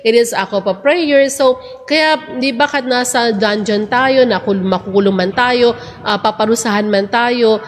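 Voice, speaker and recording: A woman's voice: on the high side, unhurried, big-room sound. A woman hosting a casual religious talk, chatty and earnest, switching between Tagalog and English. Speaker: church program host.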